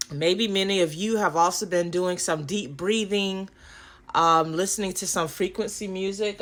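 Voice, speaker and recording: A woman doing a spiritual card reading for her viewers, affirming and animated, often checking in with "okay?" and yawning now and then. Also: on the low side. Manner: animated, affirming, frequent "okay?" tag questions. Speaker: tarot and oracle card reader.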